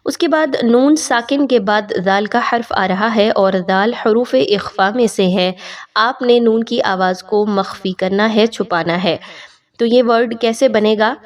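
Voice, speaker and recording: A woman teaching Quran recitation. She explains each rule patiently, then recites the words slowly and drawn out, repeating them several times. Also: mid-range voice. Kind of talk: tajweed lesson with slow recitation.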